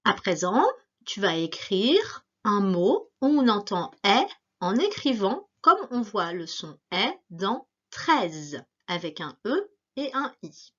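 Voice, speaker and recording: A woman teacher giving a spelling dictation to young pupils, articulating slowly and repeating each word. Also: medium pitch, slightly rough, dull audio.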